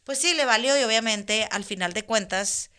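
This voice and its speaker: A woman in casual conversation, telling a long personal story in an animated way, laughing now and then. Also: fairly high pitch, moderate pace, clear, resonant tone. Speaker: guest.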